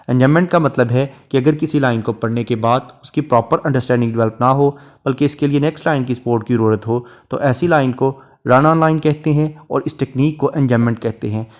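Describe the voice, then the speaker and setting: Measured male lecturer explaining poetry. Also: mid-range voice, darkish tone. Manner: reads English verse lines slowly, then explains in Urdu-flavoured Hindi. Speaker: literature lecturer.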